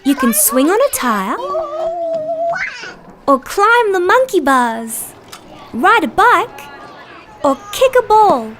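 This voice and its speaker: Children's show casting: a friendly female dinosaur, very high voice, highly animated, gentle and encouraging. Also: slow pace, pauses often, soft background music, exaggerated voice. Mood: cheerful, curious. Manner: sing-song, simple, encouraging delivery for small children.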